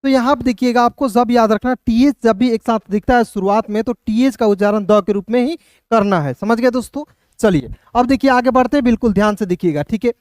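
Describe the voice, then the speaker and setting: A man's voice: very high-pitched, brisk, darkish tone, no echo, studio quality. A man teaching beginner English phonics, asking and answering his own questions over and over.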